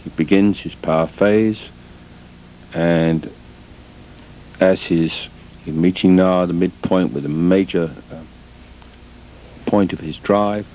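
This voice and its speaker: Over game footage on an old VHS tape, a man with a warm voice coaches in short, deliberate phrases with pauses in between. The tape sounds noisy and muffled, with a rumble.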